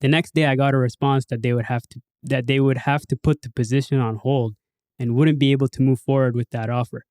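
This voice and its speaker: A man's voice: medium pitch, fairly even intonation, a little fast, darkish tone, clean tone, dry recording, studio quality. A man hosting a podcast in casual chat, reading listener posts aloud and putting on a bigger host voice for sign-offs.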